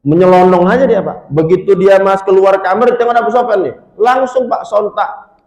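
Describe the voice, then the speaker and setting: A male preacher telling a story in a sermon, lively and constantly addressing the congregation. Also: high voice, normal speed. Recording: echoey hall.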